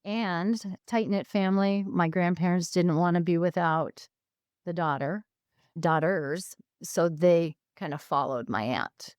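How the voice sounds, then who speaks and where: A woman in her sixties from California talks as a podcast guest, her voice lowish and smooth. She tells stories in a chatty, laughing way, with frequent restarts, and the recording is dry and close. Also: measured pace, a little mellow, no room sound. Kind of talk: casual storytelling conversation.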